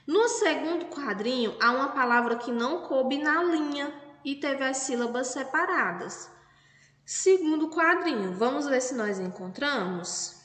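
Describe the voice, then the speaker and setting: A Brazilian Portuguese woman teaching young children a lesson, talking slowly and patiently and spelling words out syllable by syllable. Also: high-pitched, expressive, a bit bright. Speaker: primary school teacher. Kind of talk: recorded remote class lesson. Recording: echoey room with long reverb.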